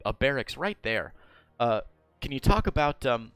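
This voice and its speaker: A man's voice: mid-range voice, sing-song, normal speed, a bit bright, clear, resonant tone, no room sound. An American man casting and coaching over a strategy game replay, asking his guest questions with plenty of fillers. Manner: asks questions, many fillers. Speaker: caster and coach. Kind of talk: casual game analysis commentary.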